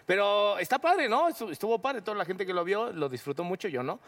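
A man with a Mexican accent, an actor guest telling a lively anecdote full of slang and quick asides. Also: high-pitched.

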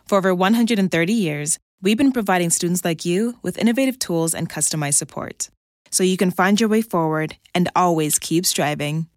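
A woman reads a scripted commercial in a calm, measured, fairly low voice. The recording is dry and close. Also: no room sound. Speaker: ad announcer.

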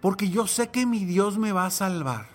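A man's voice: high-pitched, expressive, normal speed, faint music behind. A man voicing a stubborn drowning man who keeps refusing rescue, insisting and reproachful.

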